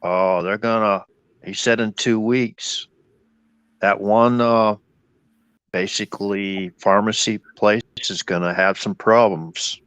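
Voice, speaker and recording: A man's voice: on the low side, steady tone, takes it slowly, a bit bright, smooth, dry recording. A man chatting casually on a livestream in a folksy, colloquial way. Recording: dull lo-fi dry sound.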